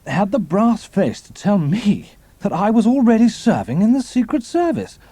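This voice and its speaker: A man's voice: high-pitched, sing-song, normal speed, warm tone, dry recording. An actor playing a drunken, boastful traitor in an audio drama, his voice raised in indignation and slightly slurred. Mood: indignant raised voice. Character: drunken, boastful, suspicious male wartime traitor.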